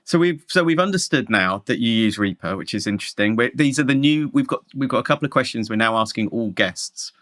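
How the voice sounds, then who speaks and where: A man's voice: medium pitch, animated, brisk, few pauses, a bit bright. A man hosting a podcast, asking guests questions in casual chat with a dry, joking manner. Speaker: podcast host.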